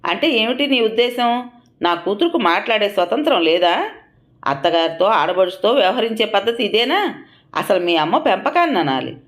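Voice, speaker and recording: A woman's voice: medium pitch, big pitch swings, a little fast, natural voice. List: woman narrator playing an older mother-in-law, bossy, indignant, scolding. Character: proud bossy mother-in-law, quick to anger.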